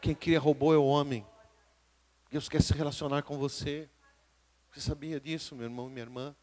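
A pastor with a Brazilian Portuguese accent preaches a live sermon in a fairly high, steady voice at a fairly quick pace. His emphatic delivery shifts between hushed and loud as he calls out to the congregation.

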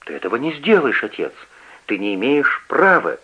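A man's voice: medium pitch, sing-song, normal speed, sharp tone, slightly rough, exaggerated voice. A man voicing a defiant, stubborn young son who pleads and protests, on a dull lo-fi radio recording.

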